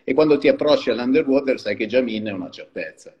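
A man's voice: medium pitch, lively intonation, fast talker, a little mellow, big-room sound, lo-fi sound. A man, founder of a small wine company, explaining his business in a chatty live-stream interview and laughing often. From Liguria.

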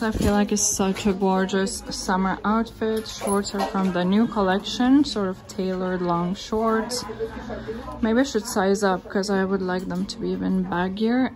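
A young woman chatting casually as she films a clothing try-on in a store fitting room, holding her phone at arm's length. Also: medium pitch. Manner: relaxed, chatty, enthusiastic about clothes. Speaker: fashion vlogger. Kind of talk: casual try-on haul narration.

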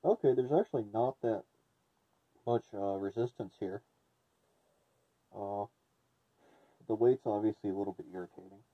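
A man's voice: fairly low pitch, moderate pace, pauses often, breathy edge. A man giving a casual hands-on review, his voice muffled as he speaks through a gas mask. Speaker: product reviewer.

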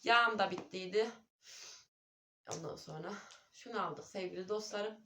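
A woman's voice: medium pitch, normal speed, bright, forceful tone, slight background noise. A woman and mother chatting casually to her viewers at home on a phone camera, calling them her dear friends. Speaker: vlogger and mother. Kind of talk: casual home vlog chat. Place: at home indoors.

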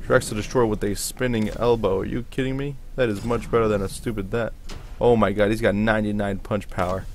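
A man's voice: lowish voice, fairly even intonation, brisk, hardly any pauses, slight background noise. A man hosting a gaming video with casual commentary, reacting aloud to what appears on screen.

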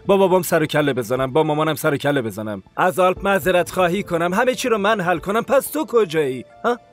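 Brief: actor voicing a resentful young husband, raised voice, soft music under him. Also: male voice, on the high side, close to an everyday voice. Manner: accusing, bitter. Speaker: dubbing actor. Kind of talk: dubbed TV drama dialogue.

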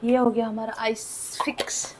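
A young woman chats to her viewers from her small room at home, slipping English words into casual talk. Her voice sits a little high and she takes her time. A faint hiss runs underneath. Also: flat delivery, a little slow. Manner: chatty, talks to viewers, mixes English words into Hindi. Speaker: vlogger. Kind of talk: casual vlog chat.

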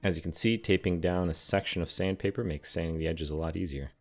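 A young man giving a calm, matter-of-fact scripted voice-over explaining how he builds a large model. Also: low voice, fast talker. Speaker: scale model and terrain builder. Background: soft background music.

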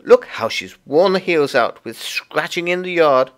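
Man putting on a high-pitched fussy hedgehog washerwoman. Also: animated, a little slow. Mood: chatty, fussy. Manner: bobbing, deferential, flustered, eager to explain. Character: fussy, polite, stout little hedgehog washerwoman. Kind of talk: storybook character voice.

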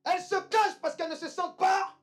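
Woman preacher, high-pitched voice, emphatic sermon, repeats key lines, soft music behind. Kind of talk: church sermon.

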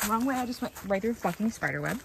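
A woman's voice: medium pitch, animated, very fast, creaky, background noise. A woman hosting a ghost-hunting vlog, chatting to the camera while walking through a forest and cemetery. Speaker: vlog host, paranormal investigator.

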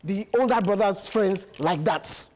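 A woman's voice: medium pitch, unhurried, a little mellow. A middle-aged woman, a panel guest telling stories emphatically and laughing often. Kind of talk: casual panel discussion. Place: TV studio set.

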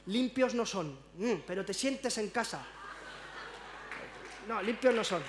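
High-voiced man doing stand-up comedy. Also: lively intonation, slow pace, background noise. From La Rioja, Spain. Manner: stammering restarts, acts out characters in raised voices. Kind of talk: stand-up monologue. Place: stage at a public event.

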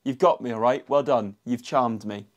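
An excitable man hosting a football shirt unboxing, often repeating himself as he reacts. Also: mid-range voice, normal speed, faint music behind. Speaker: football shirt channel host.

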